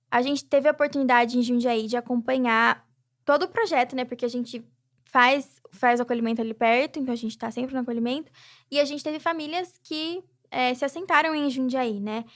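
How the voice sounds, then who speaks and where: A young Brazilian woman who is president of a charity talks reflectively as a guest in a casual interview, using many filler tags. Her voice is high, with fairly even intonation and a moderate pace.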